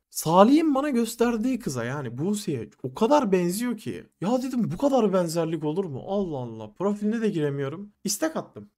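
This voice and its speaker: A young man in his twenties with a somewhat high voice, telling a story from his own life as a podcast host. He talks in a casual, animated way, swears freely and acts out his friends' lines. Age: 20s.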